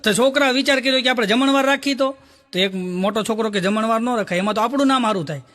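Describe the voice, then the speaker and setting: A man's voice: extremely high pitch, pushed and bright. A man telling jokey stories on stage as a stand-up comedian. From Gujarat, India. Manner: jokey storytelling, punchline-driven. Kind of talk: live comic storytelling.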